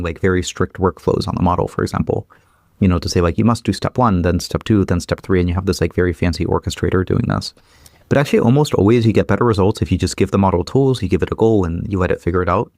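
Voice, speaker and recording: A man in his thirties, originally from Ukraine, is a guest in a casual interview, talking quickly with lots of fillers and repeated restarts. His voice is low-pitched and a little mellow. The studio-quality recording has no room sound.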